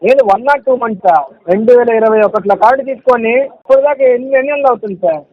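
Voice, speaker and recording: A man's voice: very high-pitched, racing. A loan recovery agent, a man, arguing on a phone call and insisting on repayment, talking over the other man and repeating the sums. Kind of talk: heated phone argument. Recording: muffled phone call recording.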